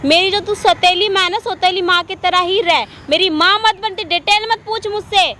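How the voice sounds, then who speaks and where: A woman playing a harsh young stepdaughter in a homemade street skit, her voice very high and sharp. She speaks with contempt and barks commands. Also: steady tone, moderate pace, slight background noise. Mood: scornful. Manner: scornful, commanding, shouting orders. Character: angry young adult stepdaughter, harsh and defiant. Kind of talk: amateur street skit acting.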